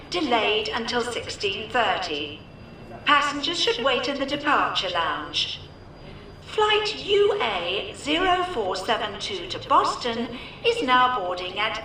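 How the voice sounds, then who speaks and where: A woman playing an airport announcer, reading formal, measured, repetitive public announcements in an echoey, distant recording. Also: a little high, pushed and bright, heavily acted. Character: airport announcer reading flight delays and boarding calls. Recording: echoey, distant, hissy airport tannoy sound.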